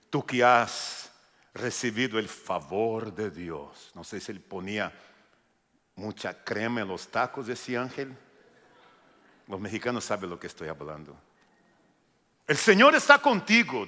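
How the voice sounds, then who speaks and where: A man preaching a sermon as pastor, lively and joking, acting out voices as he reads the story. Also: fairly low pitch, measured pace, long pauses. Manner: lively, jokes, acts out voices. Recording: reverberant church hall.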